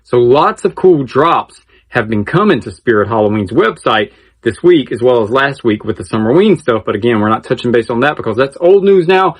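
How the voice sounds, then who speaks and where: A male channel host gives casual news-style commentary in a medium-pitched voice. He is chatty and enthusiastic, often repeating a phrase to stress it.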